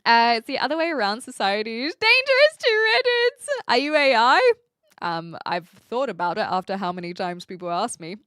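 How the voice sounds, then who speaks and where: A woman's voice: on the high side, sing-song, moderate pace, a bit bright, smooth, no room sound, studio quality. A woman in her twenties with a mixed English-dialect accent with a New Zealand tinge, chatting casually and playfully on a live stream, reading out comments and replying with self-deprecating humour. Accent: mixed English-dialect accent with some New Zealand. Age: 20s.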